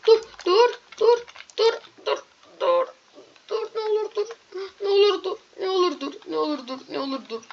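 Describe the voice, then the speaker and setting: A woman giving lively Minecraft gameplay commentary, yelping and pleading at monsters between quieter muttered asides. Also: highs cut off, a little hiss or hum. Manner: excitable, pleading and yelping at mobs, then muttering low. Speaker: gaming YouTuber.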